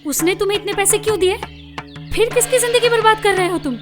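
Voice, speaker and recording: A woman's voice: very high voice, fast talker. An actress dubbing a devout young village wife who pleads with and defies her husband, in a film scene with music behind. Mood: questioning. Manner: pleading, insistent. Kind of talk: Hindi film dub acting.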